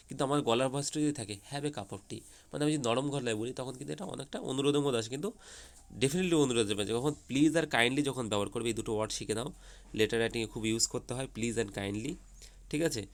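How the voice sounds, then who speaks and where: Male English tutor for kids, mid-pitch, explains step by step, keeps checking understanding. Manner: repeats checks like "ঠিক আছে?", asks and answers his own questions. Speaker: English teacher. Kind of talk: explanatory lesson to children.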